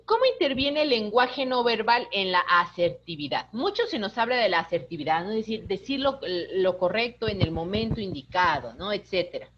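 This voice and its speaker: A woman, an instructor giving a lively online lecture, talking with her hands. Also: mid-range voice, moderate pace, few pauses, muffled recording, a little hiss or hum. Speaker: course instructor.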